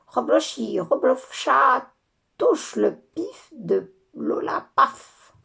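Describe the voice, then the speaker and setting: Angry fairy casting spells, loud and indignant, storybook, a woman with a gravelly voice. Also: high voice, lively intonation, drawn-out words, voice pushed up, exaggerated voice. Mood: furious. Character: angry, spiteful female fairy.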